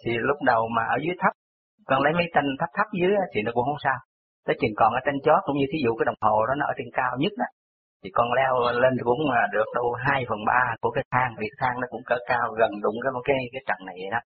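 A man with a Southern Vietnamese accent phones a radio program to share something from his own life, talking fast and wandering through lots of little details. His pitch is unremarkable and mid-range, and the line sounds tinny and thin.

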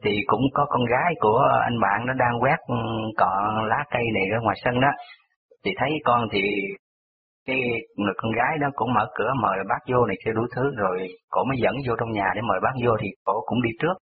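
A man's voice: medium pitch, fast talker, a little hiss or hum. A man with a Southern Vietnamese accent calling in to a radio show, recounting a personal story in rambling, detail-heavy fashion. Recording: tinny phone line on radio.

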